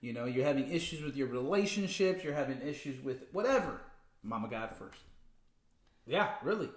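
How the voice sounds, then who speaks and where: A man co-hosting a casual spiritual livestream, emphatic and quick to laugh. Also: medium pitch, reverberant. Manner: animated, laughs often, emphatic. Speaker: co-host.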